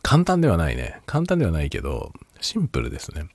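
A man's voice: extremely low pitch, huge pitch swings, fast talker, darkish tone, slightly rough, no room sound. A man hosting a casual solo talk show, rambling and laughing a lot while tipsy. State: drunk. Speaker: podcast host.

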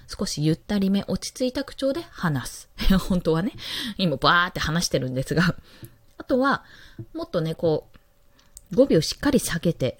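A woman's voice: mid-range voice, dry recording. A young woman hosting a casual live stream, chatty and laughing often, talking into a handheld mic. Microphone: handheld mic, moved around.

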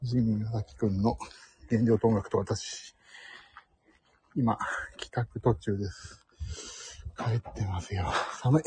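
Breathless man muttering softly while walking. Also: mid-range voice, husky, rough recording. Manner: talking softly under his breath. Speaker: live stream host. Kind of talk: casual live-stream chat while walking. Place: outdoors, walking home from the station. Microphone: phone mic.

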